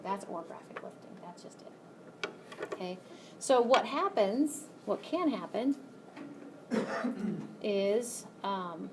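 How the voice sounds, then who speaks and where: A woman teaching a college class in a classroom, explaining each step patiently and pausing to ask "okay?". Her voice sits in a middle range. A faint hiss runs under the recording. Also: mid-range voice. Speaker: college lecturer. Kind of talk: classroom lecture.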